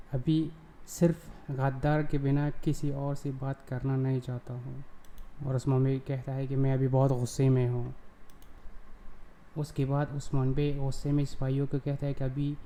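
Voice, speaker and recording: A man hosting his own channel, recapping a TV drama episode in casual, halting speech with frequent fillers and self-corrections. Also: medium pitch, dark tone, a little hiss or hum.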